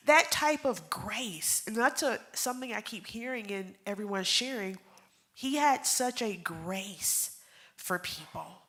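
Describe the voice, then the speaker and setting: Bright-voiced woman giving an emotional eulogy. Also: fairly high pitch. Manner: emotional, swings from hushed whispers to loud bursts. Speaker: pastor's wife speaking at a memorial. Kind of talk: heartfelt eulogy.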